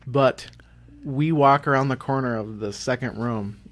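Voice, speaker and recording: A man co-hosting a podcast, recounting a trip in a steady, matter-of-fact way. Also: mid-range voice, measured pace. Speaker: podcast co-host. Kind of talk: casual podcast chat.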